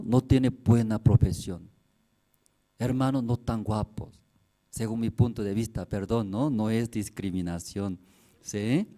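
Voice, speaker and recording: A man preaching a sermon as pastor, in slightly broken, non-native-sounding phrasing. He keeps repeating himself and checking in with tag questions, and swings between loud emphatic peaks and quiet asides. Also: on the low side. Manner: repetitive, with rhetorical questions and tag questions.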